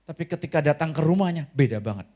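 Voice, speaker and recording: A man preaching a sermon as pastor, lively and asking the congregation questions, with an Indonesian accent. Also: a little high, fast.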